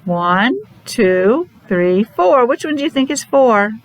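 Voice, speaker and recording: This preschool teacher's voice sits a little high and swings widely in pitch as she runs a counting lesson for small children. She encourages them warmly, posing many questions and leaving pauses for answers. The audio quality is poor.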